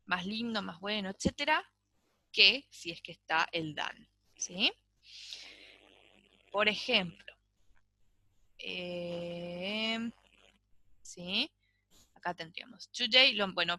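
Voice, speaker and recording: A woman teaches a recorded English class, walking through each rule patiently and pausing to ask "¿sí?" after every point. Her voice is bright and clear, and the recording is dry, with no room echo. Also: mid-range voice. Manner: explains step by step, checks in with a frequent "¿sí?".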